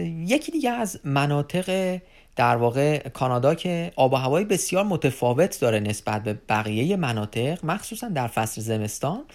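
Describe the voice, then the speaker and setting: A man's voice: fairly high pitch, a little mellow. Man explaining at an easy, hesitant pace. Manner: unscripted explaining with many filler pauses; addresses listeners as friends. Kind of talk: informational video talk.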